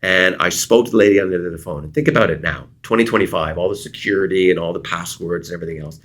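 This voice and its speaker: A man's voice: deep voice, quick pace. A middle-aged man from Canada, a consultant guest in an interview, telling stories and acting out the dialogue in them. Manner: animated storyteller, acts out quoted dialogue. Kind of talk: storytelling interview answers.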